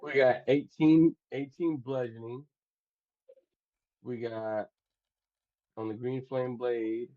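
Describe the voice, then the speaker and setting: A man's voice: medium pitch, fairly even intonation, takes it slowly, long pauses, mellow. A man plays a tabletop game over a voice call, his sound thin and phone-like. He talks in loose, rambling bursts and keeps restarting as he counts up damage. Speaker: player. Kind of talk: casual tabletop play. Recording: tinny call audio.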